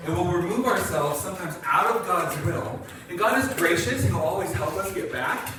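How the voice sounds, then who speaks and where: Male pastor, conversational sermon, slightly high voice, picked up from afar in a booming hall. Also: animated, moderate pace. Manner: conversational, acts out quotes, asks the congregation. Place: church sanctuary. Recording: echoey church hall from a distance, faint noise.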